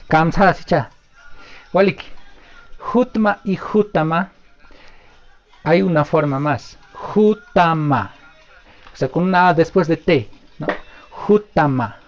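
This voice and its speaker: A man teaching a live online language lesson, answering questions patiently and stretching out example words slowly, with many pauses. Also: a little high, lo-fi sound.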